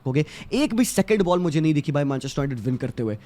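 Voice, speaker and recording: Man, somewhat high voice, earnest, argumentative football fan. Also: lively intonation, racing, a little mellow. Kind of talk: fan match reaction.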